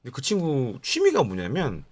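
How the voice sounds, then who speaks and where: A man explaining weapons on a podcast, animated and laughing often. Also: mid-range voice, moderate pace, no echo. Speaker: military analyst guest. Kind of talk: podcast discussion.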